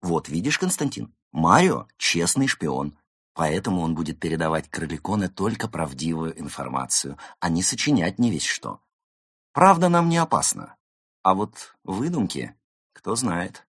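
A man voicing a calm, confident male fox who leads his friends. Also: low voice, normal speed, breathy edge, no echo, studio quality, full character voice. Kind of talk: audiobook character voice.

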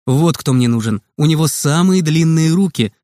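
A man narrating a children's audiobook in a lively, expressive way, recorded close in a dry room. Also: on the high side, moderate pace, no echo.

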